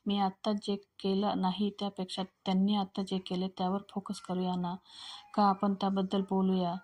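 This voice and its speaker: A woman reading the part of a composed young wife who answers reporters with firm sarcasm, in her own flat voice. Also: medium pitch, normal speed, natural voice. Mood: defiant.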